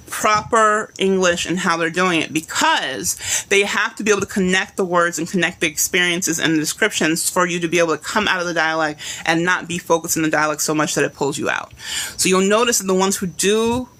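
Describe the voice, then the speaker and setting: A woman's voice: lowish voice, pushed and bright. A woman teaching a live online writing class, talking in a chatty way and acting out readers' reactions.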